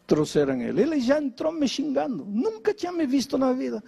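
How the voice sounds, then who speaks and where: High, husky preaching man. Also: very animated, fairly quick, warm tone. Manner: dramatic, swings pitch widely when quoting people. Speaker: pastor. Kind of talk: storytelling sermon.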